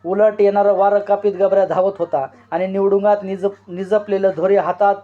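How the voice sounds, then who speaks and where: A man reading a novel aloud as an expressive storyteller, drawing out shouted cries. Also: high-pitched, brisk. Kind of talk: dramatic literary reading. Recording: dull lo-fi recording.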